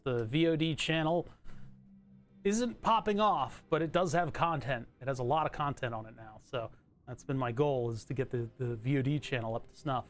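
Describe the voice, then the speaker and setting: This man talks from his home streaming setup in a loose, rambling way, often cutting himself off mid-thought. The tone is bright and trebly, sitting at a medium pitch.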